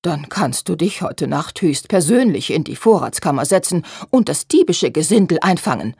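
A woman's voice: low-pitched, very animated, moderate pace, darkish tone, breathy edge, no echo, clean studio sound, exaggerated voice. A woman doing a blunt old grandmother. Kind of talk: audiobook reading.

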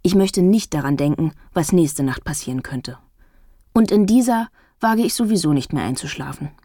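A woman narrating a first-person novel as an audiobook, wry and lively. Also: low voice, moderate pace, dry recording, clean studio sound.

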